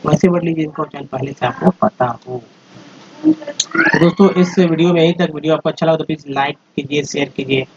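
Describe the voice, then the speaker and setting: A man's voice: a little high, expressive, brisk, highs cut off, a little hiss or hum. A man giving a patient, step-by-step pronunciation lesson over slides, going through example after example. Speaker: English teacher.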